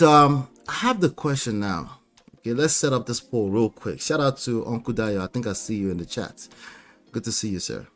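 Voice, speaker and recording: A man hosting a live stream, reacting to clips with rhetorical questions and frequent laughter. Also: mid-range voice. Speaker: host.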